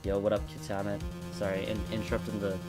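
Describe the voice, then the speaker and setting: A man's voice: lowish voice, monotone, quick pace. A man reading game dialogue aloud and joking about his own voices, over game music. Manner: joking, self-deprecating. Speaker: let's play voice-over reader. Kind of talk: casual commentary while dubbing a game.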